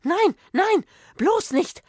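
A woman's voice: on the high side, normal speed, no room sound, studio quality. A woman voicing a fearful, superstitious old village woman who hisses urgent warnings, in a children's audio story. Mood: pleading. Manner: hissing, urgent and imploring.

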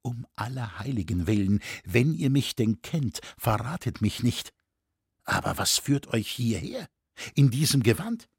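A man reading a young noblewoman in disguise, speaking low and urgently, in a husky voice. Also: sing-song, a little slow, no room sound, studio quality, heavily acted.

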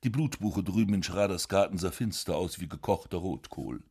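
A man narrating literary prose in a dry, ironic, measured way. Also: low voice, dark tone, breathy edge. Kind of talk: literary reading.

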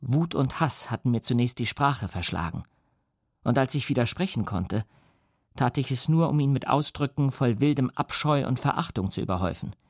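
Calm guy reading a novel aloud, close dry studio mic, measured. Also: medium pitch, no echo. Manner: calm, measured first-person narration. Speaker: audiobook reader. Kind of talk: literary audiobook narration.

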